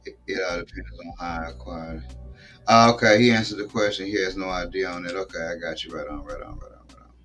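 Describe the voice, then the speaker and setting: A man's voice: low-pitched, quick pace, a bit bright, faint music behind. A man hosting a casual stream, talking loosely with slang and frequent swearing while showing his home grow room.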